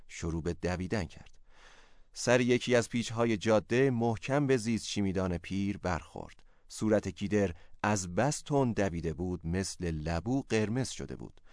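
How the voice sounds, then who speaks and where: Low-voiced male story narrator. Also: animated, dry recording, clean studio sound. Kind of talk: scripted narration.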